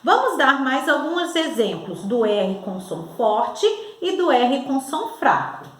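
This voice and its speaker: A Brazilian woman teaching young children to spell, slow and over-enunciating as she talks straight to the child. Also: sits high, big pitch swings. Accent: Brazilian Portuguese. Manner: patient, over-enunciating, addresses the child directly. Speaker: primary school teacher. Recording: echoey room.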